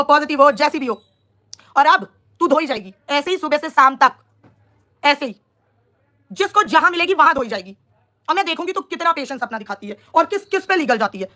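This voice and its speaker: A woman's voice: high-pitched, lively intonation, a little fast, pauses often, bright, forceful tone. A young woman on a live stream, scolding and taunting a rival in an angry, combative rant.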